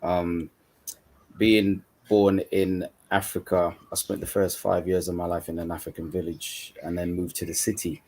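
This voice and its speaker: Very deep-voiced man, easy casual talk. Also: level tone, normal speed, a little mellow. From Uganda, then UK. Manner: casual, repeats "you know". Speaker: coach and mentor, panel guest. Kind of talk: online panel discussion. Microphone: video call.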